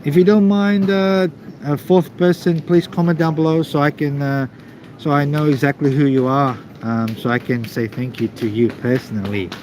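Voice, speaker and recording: A man casually chatting to live stream viewers in a halting, repetitive way. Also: medium pitch, steady tone, darkish tone. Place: busy airport waiting area. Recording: noisy airport background ambience.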